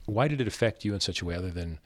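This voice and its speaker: A male radio host asking brisk, inquisitive interview questions. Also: sits low, expressive, no room sound.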